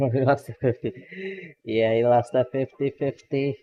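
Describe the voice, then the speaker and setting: A man streaming as a VTuber chats casually with a friend during a game, laughing often and reacting to the results. His mid-range voice is expressive and measured in pace, and the sound is lo-fi.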